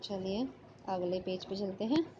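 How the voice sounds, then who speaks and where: Speaking a little slowly in a medium-pitched voice, a woman teacher patiently sounds out letters and words as she takes an online class through a workbook lesson. The background is noisy, and the lo-fi recording sounds slightly dull.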